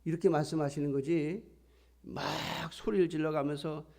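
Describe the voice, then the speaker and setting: A man's voice: fairly high pitch, steady tone, normal speed, mellow. A middle-aged man preaching a sermon in a conversational style, sometimes acting out quoted voices. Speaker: pastor.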